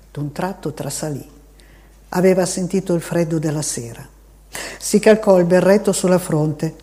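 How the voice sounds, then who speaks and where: Calm, measured audiobook narrator. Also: medium pitch. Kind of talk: scripted literary narration.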